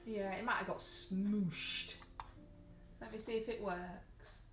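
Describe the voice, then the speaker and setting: A woman's voice: medium pitch, steady tone, slow, a bit bright, slight background noise. A woman co-hosting a live stream in casual chat, teasing and chatty. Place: home streaming room. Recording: roomy, distant from the mic, music behind.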